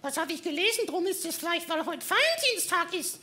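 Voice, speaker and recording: A man voicing a sharp-tongued female hippo puppet with cheeky, quick-witted backtalk on a carnival stage. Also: very high voice, sing-song, voice pushed up, full character voice. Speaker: ventriloquist's puppet.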